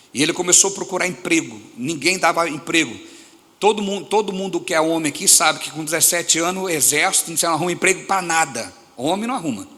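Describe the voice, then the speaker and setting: Forceful Brazilian preacher in an echoey hall. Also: male voice, on the high side. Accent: Brazilian Portuguese. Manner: animated preaching that throws questions at the congregation. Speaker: pastor. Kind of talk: sermon. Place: church hall.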